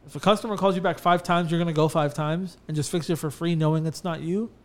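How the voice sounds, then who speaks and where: A man's voice: on the high side, fast. Chatty man telling a business story. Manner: animated storyteller, many fillers and restarts. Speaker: bathtub refinishing business owner. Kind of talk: casual podcast chat.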